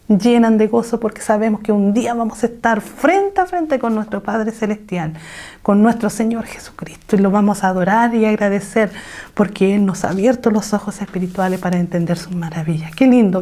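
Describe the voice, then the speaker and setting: A woman leads an online women's Bible lesson over a video call. Her voice is mellow and dark-toned, and she sits at a middle pitch. She urges her listeners on and keeps asking them rhetorical questions. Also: moderate pace. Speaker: women's Bible study teacher.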